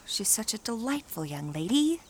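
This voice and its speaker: A woman's voice: on the high side, sing-song, normal speed, a little hiss or hum. A woman playing a weary, wry young woman in an audio drama, dry and sarcastic.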